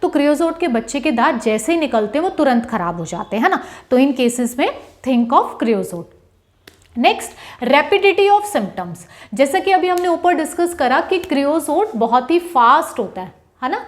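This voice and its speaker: A woman with a high voice, teaching a lesson in a lively, animated way. She acts out a child's pleading demands and keeps checking that her listeners follow, slipping English terms in as she explains. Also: normal speed. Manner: mixes English terms into Hindi, asks "है ना?" often. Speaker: homeopathy teacher. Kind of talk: explanatory lecture.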